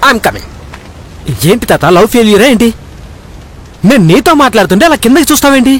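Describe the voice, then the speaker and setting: A very high-voiced cheeky young man. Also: animated, fairly quick, a little hiss or hum. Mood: teasing. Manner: teasing, mock-consoling. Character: cheeky young man teasing an old grandfather. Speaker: film character in a dubbed movie. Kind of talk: dubbed film acting.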